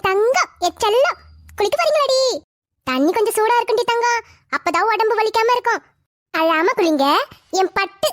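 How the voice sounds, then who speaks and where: Squeaky high cartoon mother-in-law, bossy and scolding, rattles on fast. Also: lively intonation, fairly bright tone, dry recording. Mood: cooing. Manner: scolding, dismissive, talks over others. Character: bossy older mother-in-law, sharp-tongued and stubborn. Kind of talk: cartoon family drama voicing.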